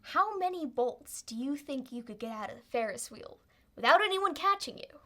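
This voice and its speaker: A woman's voice: high-pitched, expressive, moderate pace, fairly bright tone, voice pushed up. A woman voicing a little talking hare in a tabletop game, a scheming, chummy trickster with a small pixie-like voice and cajoling, chatty manner. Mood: sly, coaxing. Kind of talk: tabletop role-play.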